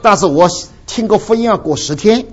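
A man from the area, preaching a sermon and telling stories to the congregation in an animated way. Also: high-pitched, a little fast. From Dinghai, Ningbo area, China. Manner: animated storytelling, addresses the congregation directly. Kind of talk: sermon with personal testimony. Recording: dull lo-fi recording.

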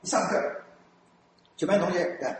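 A man from Taiwan speaking Mandarin with a Taiwanese accent, a church elder telling stories in a lively way, often laughing and mimicking people. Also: high voice, moderate pace. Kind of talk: storytelling talk. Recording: very echoey room with faint noise.

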